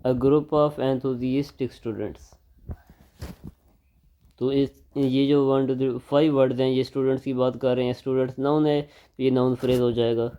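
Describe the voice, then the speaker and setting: A man teaching English grammar in a lecture, explaining in Hindi mixed with English and reading example sentences slowly. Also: mid-range voice, fairly even intonation, warm tone. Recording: dull lo-fi recording with faint noise.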